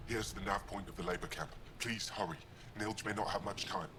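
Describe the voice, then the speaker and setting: Game role: solemn alien civilian male, low-pitched, quick, urgent and pleading. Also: fairly even intonation, sharp tone. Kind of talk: video game dialogue.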